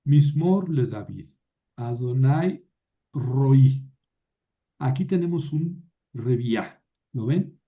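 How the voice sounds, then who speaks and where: In this recorded online lesson, a Biblical Hebrew teacher leads a patient, step-by-step class. His medium-pitched voice has lively intonation but moves extremely slowly, and the audio sounds narrow and tinny. He uses many fillers, often stumbling and restarting words mid-sentence.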